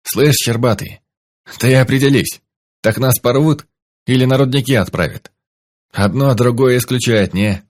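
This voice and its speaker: A man's voice: mid-range voice, normal speed, pitched above the performer's own voice, lightly acted. A man voicing a young gang thug who mocks a captive with cheeky banter, in a raised voice. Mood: mocking.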